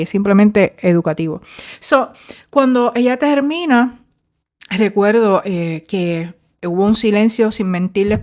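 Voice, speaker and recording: Middle-aged woman talking faith and healing, chatty, drops english fillers in. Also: medium pitch. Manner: warm, conversational, mixes English fillers into Spanish. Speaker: podcast host, former therapist. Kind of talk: faith-based motivational talk.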